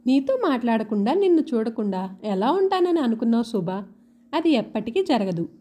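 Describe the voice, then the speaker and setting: A woman voicing a gentle young woman who consoles and forgives her childhood friend, read in an audiobook. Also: fairly high pitch, sing-song, normal speed, slightly rough. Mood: earnest. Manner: soft, consoling. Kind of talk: audiobook dialogue reading.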